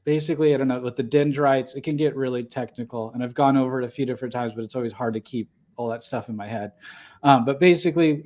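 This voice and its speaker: A man's voice: medium pitch, a little mellow. A man co-hosting a casual livestream podcast, talking in a rambling way with many fillers and restarts. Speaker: podcast co-host.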